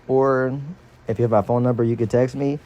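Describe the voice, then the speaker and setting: A man's voice: medium pitch, flat delivery, a little fast, warm tone, highs cut off. A man giving a casual, slangy exercise tutorial as a fitness instructor, his speech slightly impeded by dental braces.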